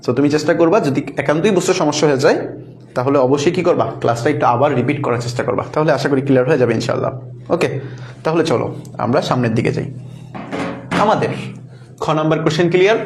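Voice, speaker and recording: A man's voice: a little high, racing, darkish tone. A man teaching an online math lesson, patient, repeating each step and quizzing the class, mixing in English words. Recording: echoey room with faint ambience.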